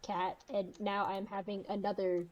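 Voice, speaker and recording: A woman player chatting casually, telling stories in a drawn-out way. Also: medium pitch, flat delivery, darkish tone, lo-fi sound, slight background noise. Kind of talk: casual chat.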